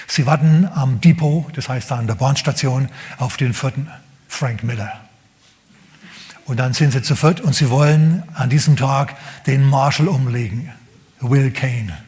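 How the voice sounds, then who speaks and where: Speaking at a slightly slow pace and a medium pitch, a male pastor preaches a sermon. He tells a story with lively emphasis, repeats words, and lets his voice fall to whispers.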